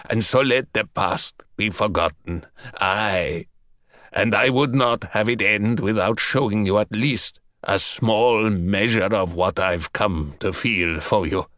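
A man voicing an ancient buried vampire, weary and sly, who talks in slow, sighing, coaxing phrases. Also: lowish voice, fairly bright tone, no echo, studio quality. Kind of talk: audiobook character voice.

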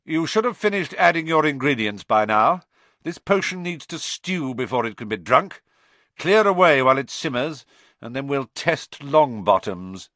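A man's voice: medium pitch, sing-song, unhurried, a bit bright, no echo, pitched above the performer's own voice. A man reading aloud and voicing a cold, sneering adult male potions master with an icy, disdainful delivery. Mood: cold contempt.

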